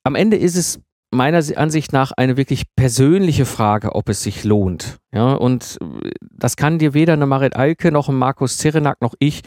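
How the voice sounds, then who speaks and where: A man's voice: medium pitch, lively intonation, moderate pace, a little mellow, no echo, clean studio sound. A man hosting a podcast, giving casual spoken advice to listeners, thinking aloud with many fillers and restarts. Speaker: podcast host answering listener questions.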